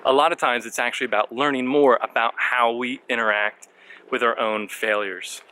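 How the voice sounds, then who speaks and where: A man who vlogs about marketing talks to camera while on a bike trail, a bit winded, offering sincere, uplifting motivation and putting questions to viewers. He speaks at normal speed in a medium, fairly even voice with a bright, forceful yet clean tone, though the audio quality is poor.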